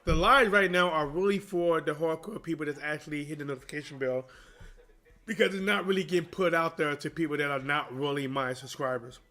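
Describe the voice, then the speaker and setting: A man's voice: fairly high pitch, fairly quick, bright, forceful tone. A man doing live boxing commentary as a streamer, in slangy, informal talk aimed at his viewers. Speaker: boxing livestream commentator and channel host.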